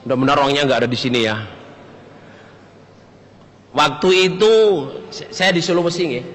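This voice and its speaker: An older man with a Javanese accent preaching a lively, joking sermon to a congregation. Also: moderate pace, a little hiss or hum. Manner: lively, jokes and leaps between high and low pitch. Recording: long hall reverb.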